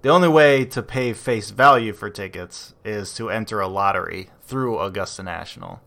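A man co-hosting a podcast in casual chat, relaxed and rambling, with frequent fillers and restarts. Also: fairly low pitch, moderate pace, gravelly. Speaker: podcast co-host.

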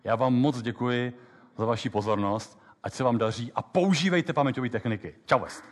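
Czech lecturer in a reverberant hall. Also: male voice, mid-range voice, slight background noise. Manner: lively, quick explanations with many fillers. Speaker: memory techniques lecturer. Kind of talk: live lecture with app demo.

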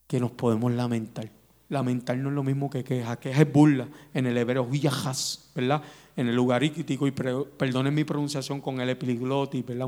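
Male preacher, lively sermon delivery, voice ringing in a reverberant hall. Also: medium pitch. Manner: animated, rhetorical questions to the congregation.

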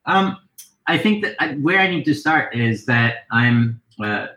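A man's voice: medium pitch, lively intonation, measured pace, sharp tone. Rambling man from Norway, roomy sound. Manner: thoughtful, rambling, with many fillers. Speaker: podcast guest, company co-founder. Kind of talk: casual interview.

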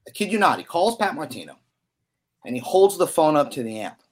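A young man, a musician guest on a podcast, telling a story in a casual, animated way with lots of "you know". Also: a little high, fairly quick, a little hiss or hum.

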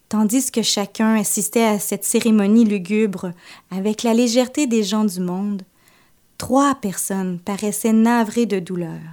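Woman narrating a folk tale expressively. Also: fairly high pitch. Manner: expressive storytelling. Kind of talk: reading a folk tale aloud.

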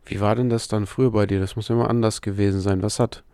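Male interviewer, lowish mellow voice, calm questions, dry sound. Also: fast, clear, resonant tone, no room sound.

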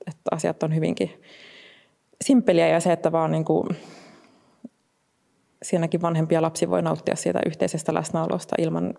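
A speaker reflecting calmly in conversation, with measured phrasing and repeated words. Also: medium pitch, creaky, big-room sound.

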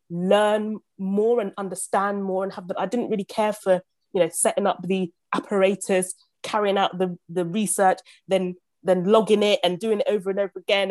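Speaking in a mid-range voice, a chatty woman in her thirties laughs often and restarts frequently while guesting on a podcast in a casual interview. She is a property investor who was born in Uganda and grew up in Southeast London. The sound is close and dry, without echo.

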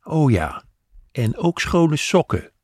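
A man's voice: on the high side, sing-song, slow pace, a little mellow, breathy edge, no echo, studio quality, voice pushed up, full character voice. A man voicing a caring, bustling older woman in a spoken audio story, fussing and cheerfully scolding.

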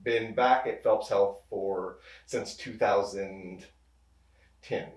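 A low-voiced pharmacist in his thirties takes his time answering in a casual interview, relaxed and rambling, repeatedly doubling back to restart his thoughts. Because he's far from the mic, the room gives his voice a clear echo.

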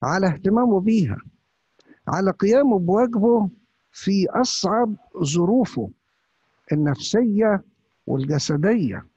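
A man with an Upper Egyptian Arabic accent preaches a sermon as a priest, pressing his listeners with one rhetorical question after another. His voice sits a little high and sounds husky and breathy. The recording is dull and lo-fi, with a dry, close sound. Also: expressive, moderate pace, long pauses, dark tone, no room sound.

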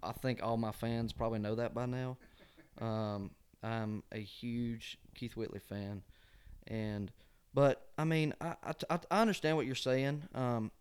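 Clear, twangy Georgia man chatting. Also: mid-range voice, unhurried. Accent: Southern US, Georgia. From Georgia, USA. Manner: folksy, often ends phrases with "man". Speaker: country singer-songwriter guest. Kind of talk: casual interview chat.

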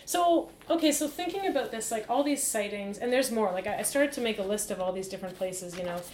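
A woman's voice: medium pitch, fast, darkish tone, a little hiss or hum. A woman talking as a podcast guest, chatty, with frequent fillers and restarts. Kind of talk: casual podcast discussion. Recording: echoey room.

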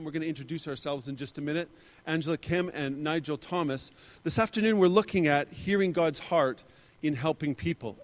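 A man in his fifties giving an earnest conference talk as a church leader, often restarting and repeating his words. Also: a little high. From Canada. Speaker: church leader leading a seminar.

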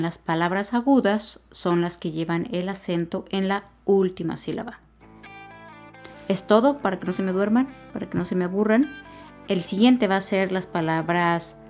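A woman's voice: mid-range voice, a little mellow. A woman hosting a podcast lesson, patiently explaining grammar with repeated examples. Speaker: Spanish grammar teacher, podcast host.

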